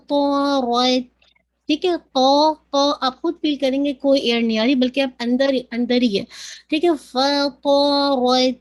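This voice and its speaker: A woman teaching Quran recitation, patiently demonstrating sounds slowly and repeating them. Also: sits high, a little mellow. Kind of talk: tajweed lesson, mixing Urdu and English.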